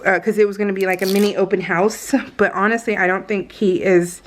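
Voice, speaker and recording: Flipping through her scrapbook, a craft vlogger rambles casually and giggles as she wanders from topic to topic. She speaks a little fast in a medium pitch with little pitch movement, and there's a slight hiss or hum.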